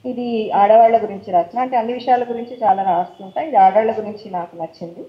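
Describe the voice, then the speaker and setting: A woman's voice: medium pitch, quick pace, echoey room, muffled recording, a little hiss or hum. Woman reciting poetry in a Telangana accent. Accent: Telangana Telugu. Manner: casual talk mixed with English words; rhythmic recitation of verse. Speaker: poet reading her own work. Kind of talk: poetry recital with chatty introductions. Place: stage at a poetry forum event.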